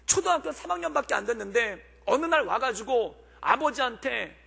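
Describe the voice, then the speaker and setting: High-voiced, gravelly man preaching. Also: animated, moderate pace, sharp tone. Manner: earnest preaching, rhetorical questions. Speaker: pastor. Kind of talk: sermon. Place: church sanctuary. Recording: long church hall reverb.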